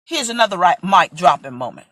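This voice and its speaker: A woman's voice: on the low side, sing-song, brisk, sharp tone, dry recording. A woman in her forties from Brooklyn, preaching in an impassioned, emphatic way and acting out voices in a vlog sermon. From Brooklyn, USA. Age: 40s.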